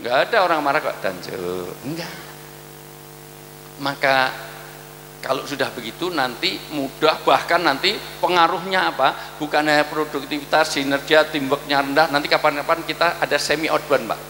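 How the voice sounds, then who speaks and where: A joking preacher, his bright, forceful voice sitting a little high for a man. He talks through a humorous sermon, acting out little scenes. The sound rings out in a large hall with a long, echoing tail. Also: moderate pace, slight background noise. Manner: joking, animated, acts out angry shouting. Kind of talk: humorous sermon to hospital staff. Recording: echoey hall with long reverb.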